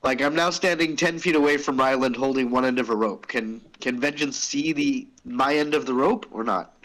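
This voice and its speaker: A man's voice: medium pitch, normal speed, fairly bright tone, poor audio. A man playing a tabletop game, methodically describing what his character does.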